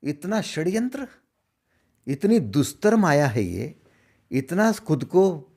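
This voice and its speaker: A middle-aged man giving a spiritual discourse as a teacher, asking rhetorical questions and swinging between loud emphasis and hushed asides. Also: on the high side, sing-song, takes it slowly.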